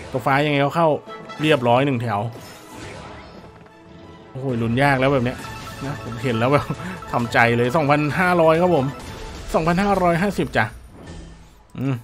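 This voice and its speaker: A hoarse man with a Thai accent, chatting excitedly with his viewers while commentating an online slot game. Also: fairly high pitch. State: hoarse, dry voice.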